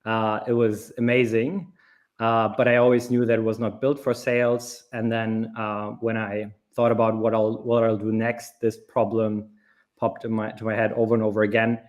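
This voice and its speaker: A man's voice: fairly low pitch, level tone, normal speed. A man speaking casually with fillers as a founder guest on a webinar over a video call. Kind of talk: webinar talk.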